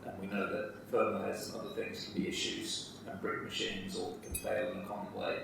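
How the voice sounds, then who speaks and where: A man's voice: low-pitched, very animated, a little fast, creaky, distant mic. A man in the audience asking probing technical questions. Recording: echoey hall from afar, noisy.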